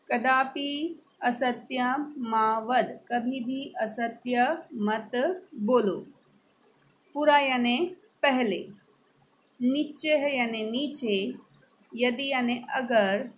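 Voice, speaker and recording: Brief: woman schoolteacher, higher voice, slow deliberate delivery, faint room hiss. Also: poor audio. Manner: slow, deliberate, repeats each word with its meaning. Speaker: school Sanskrit teacher. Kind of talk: classroom lesson explaining grammar.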